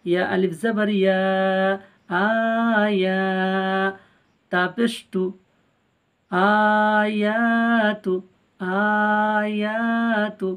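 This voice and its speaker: Slow, gravelly-voiced Quran reading teacher. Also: medium pitch, steady tone. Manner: spells letter by letter, then draws out the syllables; addresses viewers directly. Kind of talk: spelling-out recitation lesson.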